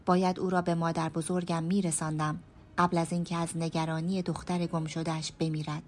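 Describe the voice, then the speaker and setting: A woman storyteller narrating a first-person radio story in a hushed, measured way, sometimes dropping to a whisper. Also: deep voice, level tone, a little hiss or hum. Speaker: storyteller and writer.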